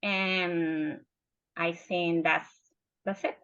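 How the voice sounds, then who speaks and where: A woman's voice: fairly low pitch, level tone, extremely slow, fairly bright tone, smooth, muffled recording. A woman from Peru introducing herself briefly and plainly on a panel. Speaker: panelist, library assistant.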